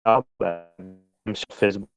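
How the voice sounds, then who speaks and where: A man's voice: lowish voice, steady tone, unhurried. A man talking on a phone call whose bad reception breaks up, his words cut off mid-sentence. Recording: muffled lo-fi phone line.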